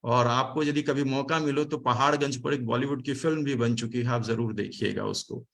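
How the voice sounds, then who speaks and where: A man's voice: medium pitch, fairly even intonation, normal speed, gravelly, a bit bright. A man from Delhi giving a formal academic talk and thanks on a video call, explaining word meanings with hesitant fillers. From Delhi, India. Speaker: speaker giving vote of thanks at online event.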